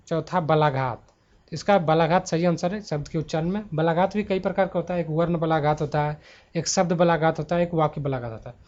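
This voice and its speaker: A man's voice: a little high, a little mellow. A man teaching a grammar exam-prep lesson into a mic at his laptop, thinking aloud and correcting himself as he goes. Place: at home before a laptop. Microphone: handheld mic at a laptop. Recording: dull lo-fi mic sound.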